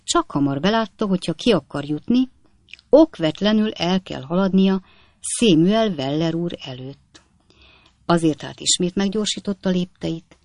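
A man reading an audiobook in a calm, measured way. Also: on the high side, vocal fry, dry recording. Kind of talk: audiobook narration.

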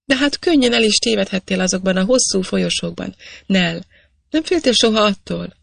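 A reader voicing an eager, earnest young male miner who presses with questions, in a gravelly, dry voice. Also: medium pitch, expressive, a bit bright, no room sound, full character voice.

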